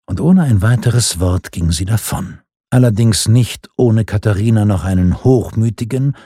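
A man narrating a historical novel as an audiobook, measured and even. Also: on the low side, breathy edge, no room sound, clean studio sound.

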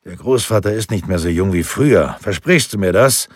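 A gentle, doting old grandfather who speaks mildly and fondly, as a male narrator voices him. The voice sits very low with a husky grain, and it is recorded dry and close. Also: animated, moderate pace, no room sound. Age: older. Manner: mild, fond, indulgent.

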